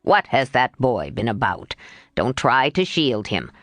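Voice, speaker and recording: A woman reading an audiobook voicing a gruff, abrupt old gentleman in a lowered voice. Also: big pitch swings, measured pace, no echo, heavily acted. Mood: stern.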